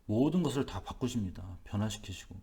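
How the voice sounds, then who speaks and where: Lively-pitched preaching man, dark voice. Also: brisk. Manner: emphatic, repetitive preaching with rhetorical questions. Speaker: pastor. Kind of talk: early-morning sermon. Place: church.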